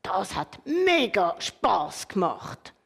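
A timid, stammering little ballpoint pen, naive and a bit mischievous from a storybook reading, as a woman puts him on. The voice sits at a middle pitch and rings out with long hall reverb. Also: sing-song, very slow, creaky, fairly bright tone, breathy edge, full character voice. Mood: cheerful. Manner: stammering, hesitant. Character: shy new ballpoint pen, young male, naive and mischievous.

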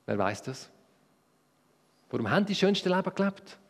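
A man with a Swiss German accent telling a Bible story to children, lively and asking them questions. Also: sits high, moderate pace, long reverb tail.

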